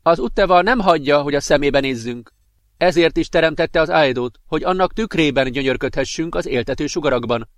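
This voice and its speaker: A man's voice: on the high side, expressive, a bit bright, no room sound. A man voicing a friendly young alien woman in a read-aloud story, explaining her world in an earnest way.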